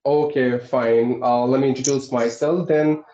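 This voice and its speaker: A man's voice: medium pitch, steady tone, a little slow, warm tone. Polite man explaining, echoey room. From Uttarakhand, India. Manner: polite, explaining, frequent "right?". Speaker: English teacher, channel host. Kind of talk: casual conversation practice. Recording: echoey, dull lo-fi sound.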